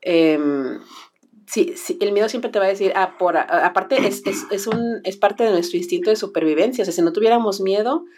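A woman's voice: mid-range voice, moderate pace, a little mellow, slight background noise. A woman, hosting a casual conversation and explaining ideas with energy, with many self-corrections. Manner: engaged, explanatory, frequent affirming murmurs.

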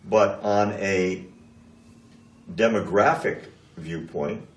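A man working as an interviewer, putting probing political questions and summing up deliberately in fragments. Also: low-pitched. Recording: echoey room, distant mic.

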